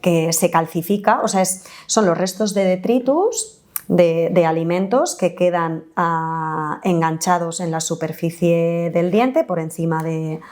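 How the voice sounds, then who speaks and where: Lowish-voiced woman dentist explaining. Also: unhurried, darkish tone. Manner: explanatory, many fillers and tag questions. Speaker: holistic dentist, guest. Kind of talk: conversational interview explanation.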